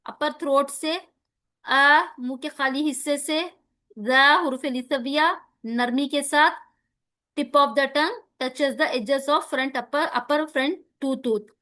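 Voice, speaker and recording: A woman teaching a recitation lesson, spelling out letters slowly and carefully between quick explanations. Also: high voice, pushed and bright.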